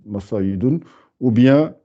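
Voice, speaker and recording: A man teaching a beginner lesson over a video call, patient, hesitant and full of fillers, drawing out syllables slowly. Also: mid-range voice, animated, dark tone, dull audio. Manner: hesitant, many fillers and restarts. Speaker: Arabic teacher.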